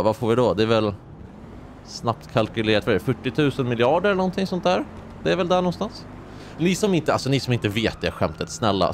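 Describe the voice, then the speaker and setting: A man in his twenties giving casual, excitable gameplay commentary as host of a gaming channel, joking and rambling as he plays. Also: mid-range voice, a little hiss or hum.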